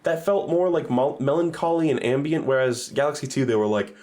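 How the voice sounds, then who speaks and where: A man's voice: medium pitch, animated, fairly quick, dark tone. Male streamer, mid-range voice, loose chatty review style, curses often and backtracks mid-thought. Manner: rambling, sweary, self-correcting. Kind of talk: casual stream commentary.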